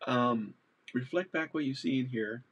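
A man's voice: mid-range voice, measured pace, a bit bright, slightly rough, highs cut off. A man from Canada giving casual advice to camera in a chatty, digressive way, laughing at himself now and then.

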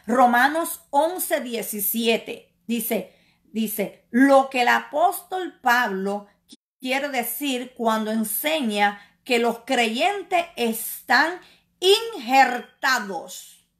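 A woman evangelist preaching a sermon slowly and emphatically, repeating words and asking rhetorical questions. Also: fairly high pitch, animated.

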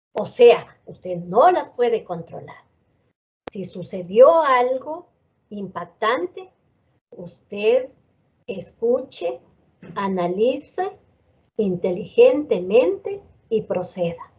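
A woman's voice: a little high, darkish tone. A woman with an Ecuadorian Spanish accent, speaking earnestly to parents and teachers about handling emotions and asking herself questions to answer them. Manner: earnest, repetitive, lecturing with rhetorical questions. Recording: dull lo-fi sound.

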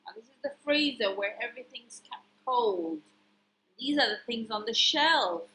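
A woman's voice: fairly high pitch, normal speed, pushed and bright, slight background noise, rough recording. A woman reading a picture book aloud to children, pointing out the pictures and asking them questions.

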